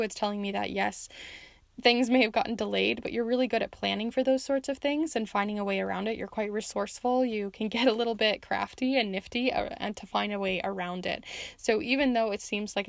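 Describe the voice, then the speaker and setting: A woman hosting a casual pick-a-card session reads tarot and charms for her viewers, chatty and encouraging, though her voice is starting to give out. Her pitch is medium with vocal fry, and there's no room sound.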